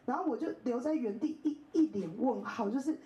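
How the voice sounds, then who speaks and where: She's in her thirties, from Taiwan, and invited to speak at a bookstore, where she tells animated personal stories, laughs a lot, and mimics others' voices when quoting them. Her pitch is fairly high and her pace a little quick. The audio sounds dull and roomy.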